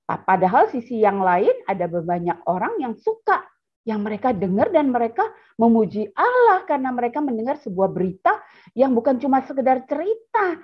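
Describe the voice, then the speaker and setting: A woman teaching a children's Bible lesson over a video call, telling the story animatedly and talking straight to the kids. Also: on the high side. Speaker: children's Sunday school teacher. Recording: dull lo-fi video call audio.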